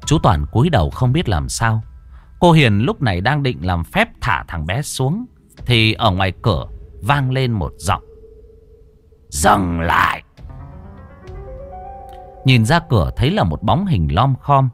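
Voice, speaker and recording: A man narrating a ghost story in an expressive, dramatic way. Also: medium pitch, normal speed, faint music behind.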